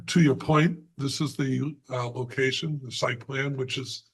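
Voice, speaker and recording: A man presenting a plan at a zoning hearing, hoarse and halting, with many fillers and frequent throat clearing. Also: medium pitch, steady tone, low-quality recording. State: hoarse, losing his voice. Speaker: applicant's representative. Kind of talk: presenting at a remote board hearing.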